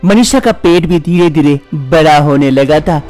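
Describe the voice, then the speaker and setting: A woman's voice: low-pitched, expressive, a little slow, darkish tone, soft background music. Woman narrating a cartoon story. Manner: plain storyteller.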